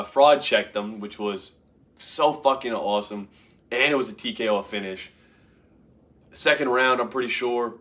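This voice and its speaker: A man's voice: lowish voice, fairly bright tone. A young man talking casually and profanely, rambling and laughing as he rants about fights. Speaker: MMA commentary YouTuber. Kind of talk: casual rant to camera.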